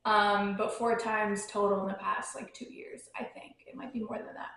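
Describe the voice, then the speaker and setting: A young woman hosts a podcast of casual travel chat from home near her dogs, rambling and using lots of filler words. Her medium-pitched, fairly bright voice runs at normal speed with fairly even intonation, recorded on a phone with an echoey sound.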